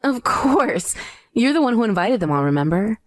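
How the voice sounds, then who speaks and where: A woman's voice: fairly high pitch, sing-song, moderate pace, dry recording. A woman playing a cool, scornful wife out for revenge in a dramatized story. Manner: taunting, cool. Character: scornful, vengeful pregnant ex-wife, coolly triumphant. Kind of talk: dramatized story dialogue and narration.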